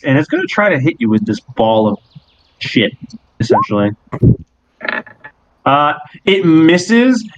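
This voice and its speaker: A man's voice: fairly high pitch, a bit bright. A man narrating a tabletop game as game master, laid-back and joking, swearing often. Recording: dull, dry recording.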